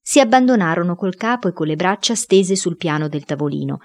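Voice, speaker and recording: A woman reading a boy's first-person diary story aloud, in a lively storytelling way. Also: fairly low pitch, brisk. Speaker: reader.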